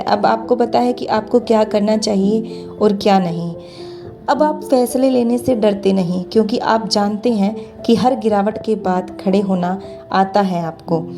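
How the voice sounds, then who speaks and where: A woman's voice: medium pitch, dark tone. A woman in her thirties giving a motivational talk, earnestly urging her listeners on. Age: 30s. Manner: earnest, exhorting. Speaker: motivational speaker. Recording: music behind the voice. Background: background music.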